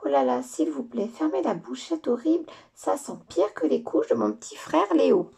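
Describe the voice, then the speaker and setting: A woman's voice: sing-song, normal speed, gravelly, mellow, heavily acted. Woman doing a whiny little girl. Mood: disgusted. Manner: high, whining complaints.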